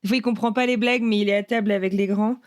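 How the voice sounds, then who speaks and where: A woman's voice: mid-range voice, fairly even intonation, very fast, a little mellow, dry recording, clean studio sound. A woman in her thirties interviewing a guest in casual chat, asking questions and laughing along.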